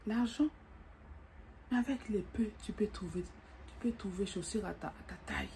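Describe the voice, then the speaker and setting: A middle-aged woman talking casually to camera from her bed, giving advice to her viewers in a chatty, animated way, repeating little tag questions and calling the viewer darling. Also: medium pitch, moderate pace, slight background noise. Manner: animated, acts out greetings. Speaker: vlogger giving dating advice. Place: bedroom, lying in bed.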